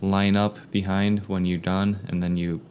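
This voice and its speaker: A man's voice: low-pitched, level tone, a little slow, darkish tone, slight background noise. A young man chatting casually on a gaming talk show, filling his speech with "like". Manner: filler-heavy, lots of "like". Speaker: show co-host. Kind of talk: casual chat.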